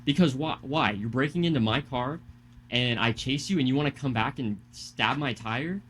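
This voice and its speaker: Young male podcast co-host, angry storyteller who swears a lot, mid-pitched voice, slight background hiss. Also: normal speed, a bit bright. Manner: heated, profane storytelling. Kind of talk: casual podcast chat.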